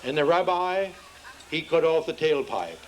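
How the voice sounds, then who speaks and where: A man's voice: on the high side, very animated, measured pace, a little hiss or hum, poor audio. A man with a Pennsylvania Dutch accent telling folksy jokes to a crowd at an outdoor town festival. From Pennsylvania, USA. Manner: folksy, playful, addresses the crowd. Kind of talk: folksy stand-up joke telling.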